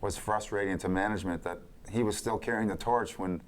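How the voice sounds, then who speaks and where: Deep-voiced man recalling team days. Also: steady tone, brisk. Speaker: former hockey player. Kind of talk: reminiscing conversation.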